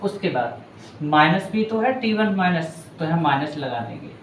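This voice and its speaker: A man's voice: a little high, lively intonation, moderate pace, echoey room, a little hiss or hum, poor audio. A man teaching a physics numerical at a board, patiently talking students through each step in a chatty, reassuring way. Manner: patient, chatty, addresses students as bhaiya and beta. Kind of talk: board lesson explaining a numerical.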